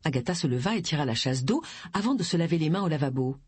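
Brief: female audiobook narrator, husky tone, lively pitch, dry close sound. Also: fast, no room sound. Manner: expressive, varied storytelling. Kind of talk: scripted novel narration.

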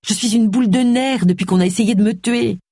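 Un lecteur de livre audio prête sa voix à une détective d'une cinquantaine d'années, nerveuse et prompte à s'emporter. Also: female voice, on the high side, brisk, mellow, no room sound, clean studio sound, voice pushed up. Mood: tendue. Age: 50s. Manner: tense, emotional outbursts. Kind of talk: audiobook character voice.

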